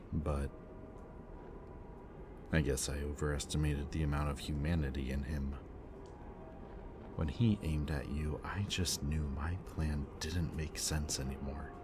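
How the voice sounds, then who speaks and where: In this audio roleplay, a young man voices a bitter, remorseful villain who speaks directly to the listener. His confession is low and intimate, at times sinking to a whisper, over steady ambient background noise.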